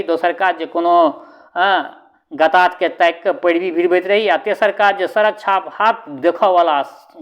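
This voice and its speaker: A man's voice: sits high, highs cut off. A man reading a short story aloud in a conversational way, turning to the listener with little asides.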